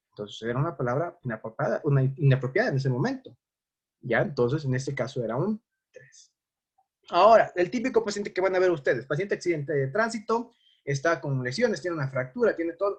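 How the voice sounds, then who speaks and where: A man teaching a first-aid lesson, walking through examples and asking his class questions as he goes. His voice is somewhat husky and pitched fairly high for a man. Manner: explains with worked examples, asks the class rhetorical questions. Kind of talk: classroom lecture.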